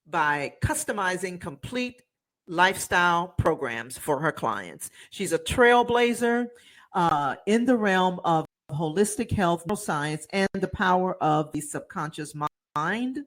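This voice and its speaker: Brief: upbeat rambling woman host, lowish voice, casual interview chat. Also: animated, takes it slowly. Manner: chatty, rambling, upbeat with laughs. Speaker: podcast host.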